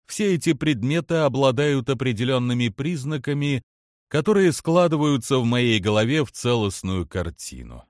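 A man reading the lines of a calm, analytical alien male commander in an audiobook, measured and precise. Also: mid-range voice, dry recording, studio quality, lightly acted. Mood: calm, composed.

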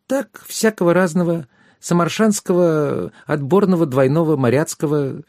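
A man's voice: fairly high pitch, normal speed, darkish tone, no echo, studio quality, pitched above the performer's own voice, lightly acted. A man voicing a tiny, tipsy, giggling female fairy who is flighty and pushy. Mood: giggly tipsy.

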